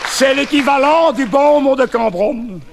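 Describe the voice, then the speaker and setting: A man's voice: extremely high pitch, a little slow, vocal fry, a loud crowd, heavy background noise. A man with a Brussels accent in a comic sketch, emphatically reciting verse in praise of his accent. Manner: emphatic, proud. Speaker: comic performer.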